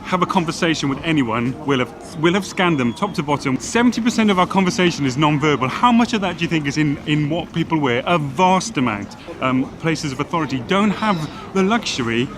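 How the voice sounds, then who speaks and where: Fairly high and a little fast, with lively intonation and few pauses, this middle-aged Welshman's voice carries a trace of Geordie. He chats confidently and casually about being a fashion stylist, filmed on a phone held by another person out on a noisy city street.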